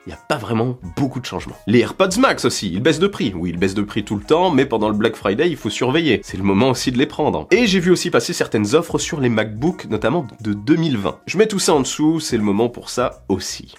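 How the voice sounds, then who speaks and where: Young man, under the weather, playful tech vlog, very animated pitch swings. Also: breathy edge. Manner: playful self-mocking asides, lively swings between high and low. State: sick, recovering under a duvet. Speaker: tech YouTuber.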